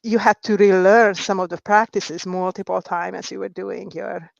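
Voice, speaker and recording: A middle-aged woman from Hungary answers interview questions in a soft, hesitant way, pausing on fillers and restarting her sentences. Her voice comes through dry and a little dull, like a lo-fi call recording. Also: mid-range voice, fairly even intonation, vocal fry, no room sound. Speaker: guest, nurse and writer. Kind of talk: interview conversation.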